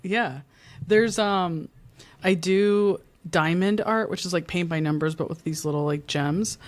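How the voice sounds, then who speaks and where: A woman's voice: lowish voice, unhurried. A woman who works in marketing, a podcast guest who talks in a bubbly, rambling way with many fillers and frequent laughs. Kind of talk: casual podcast conversation.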